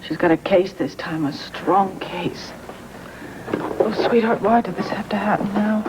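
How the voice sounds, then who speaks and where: An actress playing a worried, earnest newspaper owner in a soap opera, heard from a worn VHS tape copy. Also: female voice, mid-range voice, unhurried, darkish tone, rough recording. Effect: worn VHS tape copy, hissy. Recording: worn tape with clear hiss.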